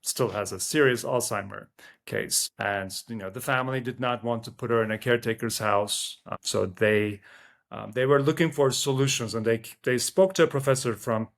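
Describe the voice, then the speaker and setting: A man's voice: mid-range voice, steady tone, moderate pace, creaky, a bit bright. A man from Turkey, a company co-founder, talking loosely as an interview guest with many fillers and restarts. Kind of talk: casual interview talk.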